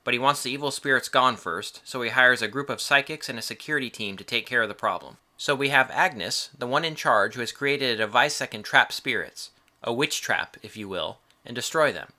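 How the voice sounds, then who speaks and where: A man's voice: mid-range voice, a little fast, sharp tone. A man reading a scripted film review in a casual way, with wry, joking asides.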